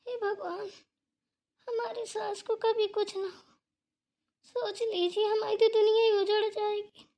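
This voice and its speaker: A woman's voice: extremely high pitch, little pitch movement, measured pace, warm tone. A woman voicing a worried elder daughter-in-law in a village cartoon, plaintive and stern by turns. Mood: grieving. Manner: plaintive, scolding when provoked. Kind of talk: cartoon voice acting.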